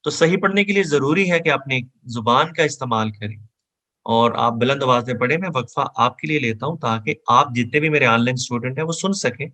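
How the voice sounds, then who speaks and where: A man with a bright, clear voice leads an online Quran lesson. He explains each letter patiently, then chants the verse slowly for students to repeat. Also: medium pitch. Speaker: Quran teacher.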